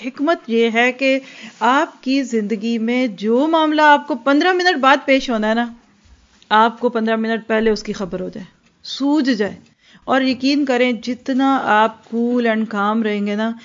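A woman giving an earnest religious lecture that explains each point and slips English words into her speech. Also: on the high side. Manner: earnest, explanatory, acts out quoted dialogue. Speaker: religious teacher. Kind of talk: Islamic lecture. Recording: dull lo-fi recording.

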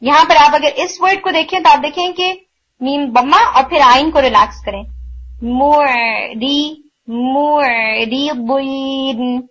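This is an online tajweed lesson where a woman with a high, somewhat bright voice teaches how to pronounce recitation. She explains patiently, drawing out and repeating sample sounds while mixing in English. The sound is lo-fi and a touch muffled.

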